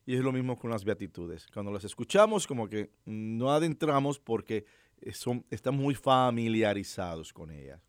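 A man, a priest, giving a Sunday homily in an unhurried, reflective way, with fillers and rhetorical questions. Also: medium pitch, expressive, clear, resonant tone, no echo, clean studio sound.

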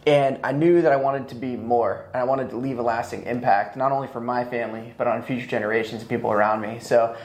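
A man in his thirties talking as a podcast guest. His voice sits at a middle pitch and has a noticeable room echo. He speaks casually, in a motivational style. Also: steady tone, fast, few pauses, a little mellow. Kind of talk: casual motivational interview talk. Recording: echoey, roomy sound.

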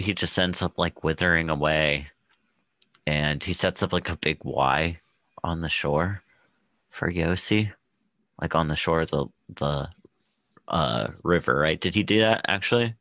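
A man's voice: sits low, a little slow, long pauses, fairly bright tone, no room sound. A man co-hosting a podcast, talking in a laid-back way full of fillers and trailing thoughts. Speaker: podcast co-host. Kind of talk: casual chat.

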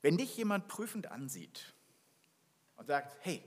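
Animated male pastor in a reverberant hall. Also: fairly high pitch, unhurried. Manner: animated, acts out dialogue in his telling. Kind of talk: sermon with scripture reading.

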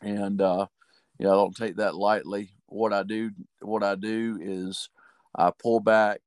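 Low-voiced male podcast co-host, earnest and casual, dry close sound. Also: little pitch movement, a little slow, a little mellow, clean tone, dry recording. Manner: earnest, loose, many fillers. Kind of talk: casual faith chat.

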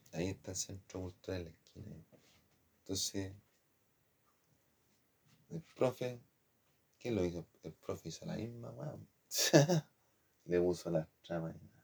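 With a deep, creaky, husky voice and a darkish tone, this former design student tells a personal story from his studies. His Chilean accent comes through in rambling, slang-filled talk, with frequent use of "compadre" for the listener.

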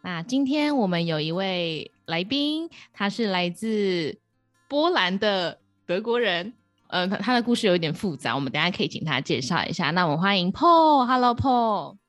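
A woman host opening a podcast episode and welcoming the listener in a measured way. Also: mid-range voice, very animated, no room sound, studio quality, soft background music. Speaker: podcast host and Mandarin teacher. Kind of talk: show introduction.

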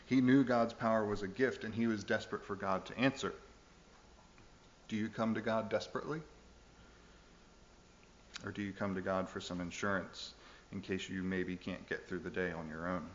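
Earnest, low-voiced male preacher. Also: fairly even intonation, normal speed, pauses often, dull audio, slight background noise. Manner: earnest, emphatic, with urgent questions to the listeners. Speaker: pastor. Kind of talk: sermon.

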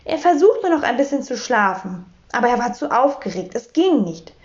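A woman reads a children's story aloud, her high voice lively and swinging through wide pitch. The recording sounds muffled and lo-fi. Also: normal speed. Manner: expressive, animated. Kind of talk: reading a children's book aloud.

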